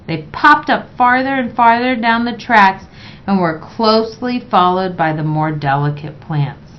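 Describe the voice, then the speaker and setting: A woman reading a children's picture book aloud in a measured, expressive way. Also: medium pitch, slight background noise. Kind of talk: read-aloud children's story narration. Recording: dull, lo-fi sound.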